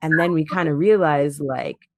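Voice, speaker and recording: A young adult speaks in a casual podcast voice at a medium pitch. The explanations are expressive and full of little acted-out asides, heard close and dry with no room sound. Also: moderate pace, no echo. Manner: expressive, acts out quotes. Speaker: podcast co-host.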